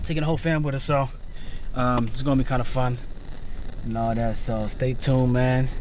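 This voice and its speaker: A man's voice: mid-range voice, steady tone, moderate pace. Chill young guy vlogging to his camera in the car, lots of road and street noise behind him. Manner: laid-back, joking, talks straight to camera. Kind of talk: casual vlog. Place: parked car and outdoors at a rental lot. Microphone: handheld camera at arm's length. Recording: noisy car and street ambience.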